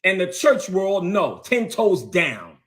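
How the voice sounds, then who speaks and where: A bishop livestreaming a confrontational rant in a high, lively voice that swings up and down. He hammers his points over and over and talks straight at the people he is calling out. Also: takes it slowly. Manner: confrontational, repetitive, heated. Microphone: phone or webcam on a livestream.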